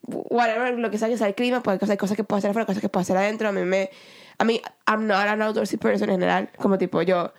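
Fast-talking, gravelly woman co-host. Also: medium pitch, steady tone. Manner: rambling, mixes English phrases, many fillers. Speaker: podcast co-host. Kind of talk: casual chat.

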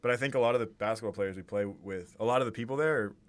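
A man's voice: fairly low pitch, very fast, clear, resonant tone. A young man with an American accent, chatting casually and agreeably as a podcast co-host, with slangy phrasing. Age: young adult. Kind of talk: casual chat.

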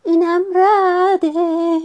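A woman's voice: sits high, steady tone, a little mellow, lo-fi sound, voice pushed up, lightly acted. A woman voicing a timid young male turtle who speaks in a frightened, pleading way.

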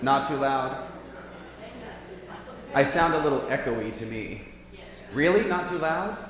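A man's voice: mid-range voice, expressive, slow, a crowd in the background. A man pastor leading a casual Bible study, chatty and joking, his voice echoing through a large church hall. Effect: big hall echo. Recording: echoey hall with faint hum.

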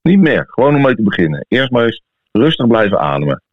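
Low-voiced Dutch man on an echoey phone-like recording. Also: very animated, fast talker. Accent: Dutch from the Netherlands. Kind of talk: casual podcast chat. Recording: thin phone-like sound, echoey room.

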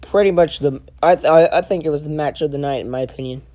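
A young man giving a casual spoken review, halting and full of filler sounds and restarts. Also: fairly high pitch, dark tone. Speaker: wrestling show reviewer.

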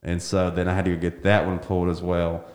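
A man's voice: low-pitched, fast talker. A man, a comedian telling a long story in an interview and acting out what people said. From Alabama. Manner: animated storyteller, acts out quotes. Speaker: comedian guest. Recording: roomy echo.

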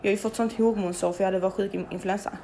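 A young woman telling a story in casual, animated speech, swearing freely and acting out the people she quotes. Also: medium pitch, gravelly, a little hiss or hum.

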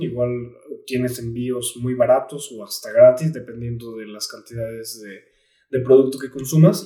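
A man's voice: mid-range voice, warm tone, recorded from a distance. A man with a Mexican accent co-hosting a casual podcast, chatting with slangy, profane, laddish buddy banter. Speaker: podcast co-host. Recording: echoey room, off the mic.

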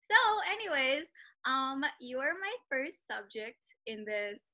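A woman's voice: high-pitched, very animated, measured pace, pushed and bright. A young woman at home chatting casually, using many "like" and "you know" fillers as she opens an interview for her project. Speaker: interviewer starting a personal project. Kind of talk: casual conversational interview over a call.

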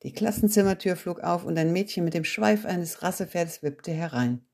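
A woman calmly reading a children's story aloud as the storyteller, in a measured storybook manner. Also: lowish voice, vocal fry.

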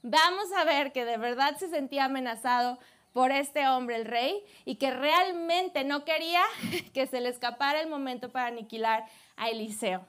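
A woman preacher retelling a Bible story in a lively, animated way, laughing often as she talks to her church. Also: high-pitched, moderate pace. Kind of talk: sermon storytelling.

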